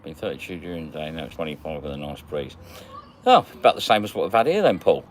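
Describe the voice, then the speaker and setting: Man, livestream host, casual chat, low voice, very lively pitch. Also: fast talker, slight background noise. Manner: chatty, greets viewers by name, lively swings in pitch. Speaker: magnet fishing livestream host.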